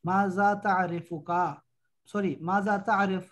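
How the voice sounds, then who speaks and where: A man teaching an online language lesson. He patiently drills each phrase slowly and repeats it, then explains it quickly and corrects the student. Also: high-pitched, level tone. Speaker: Arabic teacher.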